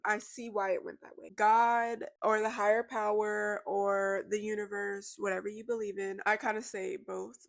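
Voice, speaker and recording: A congested woman in a heart-to-heart vlog, her words a little slurred and her voice gravelly with fry. She talks in a candid, reflective way that loops back and restarts. The sound is dry and close. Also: mid-range voice, no room sound. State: congested, slightly slurred speech. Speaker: vlogger. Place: indoors at a relative's house.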